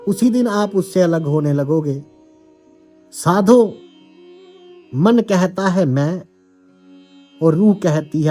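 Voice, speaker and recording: A man giving a calm, measured devotional discourse as a spiritual teacher, speaking directly to seekers. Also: sits high.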